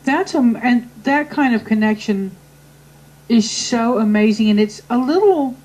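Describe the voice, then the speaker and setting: A woman's voice: medium pitch, a little mellow, rough recording. A woman hosting an interview show, chatting freely, laughing easily and asking long, winding questions. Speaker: show host. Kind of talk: conversational interview.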